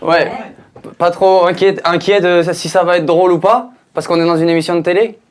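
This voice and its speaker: A French stand-up comedian performs on a TV show stage before a live audience, chatty, jokey and teasing the crowd. His high voice is fairly quick with fairly even intonation. Audience laughter and a little hiss or hum are audible.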